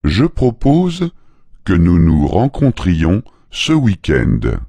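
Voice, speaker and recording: A man reading phrases slowly and deliberately for language learners. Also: deep voice, wildly swooping pitch, warm tone, husky, no room sound. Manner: slow, deliberate, careful. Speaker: phrase reader. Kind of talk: slow phrase drills for learners.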